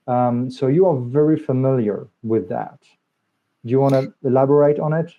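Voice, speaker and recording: At a film festival, a man interviews a director, putting his questions in an easy, conversational and encouraging way. He speaks at medium pitch and normal speed, and the recording has a dull lo-fi quality.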